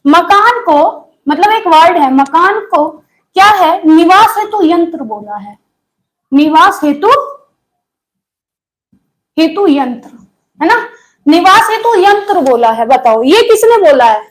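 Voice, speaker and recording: A woman's voice: very high voice, big pitch swings, slow, pauses often, poor audio. A woman teaching a live online exam-prep class, who repeats key phrases and keeps quizzing her students with questions.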